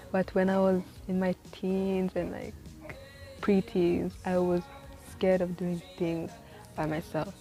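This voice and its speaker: Vlogging in her home city, a twenty-year-old woman offers casual life advice in a rambling, chatty monologue peppered with "like" and "you know," frequently laughing at herself. Her voice is lowish and mellow, and the audio is poor.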